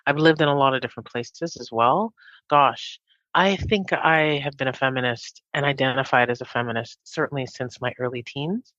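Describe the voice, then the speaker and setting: A middle-aged woman from Jamaica, raised in Canada. She is a guest in an interview and talks in a chatty, animated way, with quick restarts. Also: rumbling low, no echo. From Jamaica, raised in Winnipeg, Canada. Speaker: guest, executive director of a health clinic. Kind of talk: casual interview talk. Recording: dull, muffled sound.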